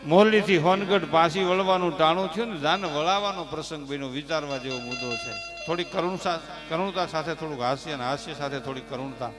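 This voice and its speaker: A man telling folk stories at a live dayro, swinging from soft murmurs to loud, impassioned declamation. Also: fairly high pitch, fairly quick, hardly any pauses, over music. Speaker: folk storyteller. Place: stage at a family folk program. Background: musical instruments.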